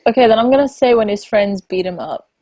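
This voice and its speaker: A woman's voice: medium pitch, a crowd in the background. A woman co-hosting a live book discussion, chatting casually and laughing easily. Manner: amused, quick to laugh. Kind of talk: casual chat.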